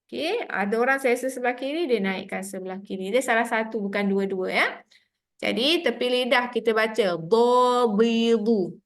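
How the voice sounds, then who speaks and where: A woman's voice: on the high side, moderate pace. A woman with a Malaysian Malay accent teaching a tajweed class, explaining sounds patiently step by step. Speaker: Quran recitation teacher. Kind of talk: online tajweed lesson.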